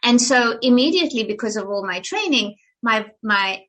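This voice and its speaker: A fairly high, fairly bright voice carries this older South African woman's lively intonation at a normal pace. Speaking with a refined, English-leaning South African accent, she's an animated interview guest who is theatrical and frequently restarts her thoughts in the conversation.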